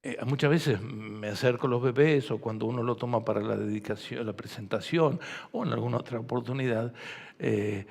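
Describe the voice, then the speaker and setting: A man with a Rioplatense accent, a pastor preaching a sermon, moving from soft gentle speech to loud fervent preaching. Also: mid-range voice, normal speed, vocal fry. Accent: Rioplatense Spanish. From Argentina. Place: church hall. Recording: long hall reverb.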